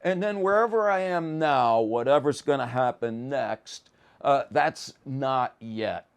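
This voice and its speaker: Teaching a psychology and philosophy course, this lecturer speaks slowly at a medium pitch, with vocal fry and a clean tone. His informal style relies on colloquial wording and ordinary examples, and he frequently stammers a little at the start of phrases.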